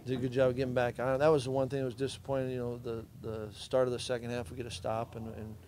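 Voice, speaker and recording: Flat-voiced middle-aged coach. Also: male voice, mid-range voice, fast, a little hiss or hum. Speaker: head football coach. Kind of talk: postgame press conference answers.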